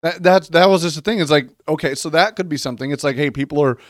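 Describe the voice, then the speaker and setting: A man co-hosting a casual podcast chat, thinking out loud and asking questions. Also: a little high, fast, no room sound, clean studio sound. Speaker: co-host.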